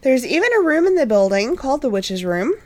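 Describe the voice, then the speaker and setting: High-voiced woman telling a podcast story. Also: big pitch swings, fairly quick, a little mellow. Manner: reads notes with frequent "uh" and "um", easily sidetracked into laughter. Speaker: podcast co-host.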